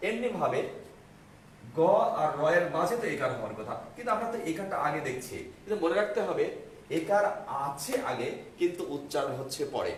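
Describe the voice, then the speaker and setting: A middle-aged man gives a patient grammar lesson, going over each point more than once and checking whether his students follow. His voice sits a little high for a man. He sounds very echoey and set back from the mic, with a faint hiss underneath. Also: big pitch swings, distant mic. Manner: patient, repeats points slowly, asks students if they understood. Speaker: teacher. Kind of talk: online exam-prep grammar lesson.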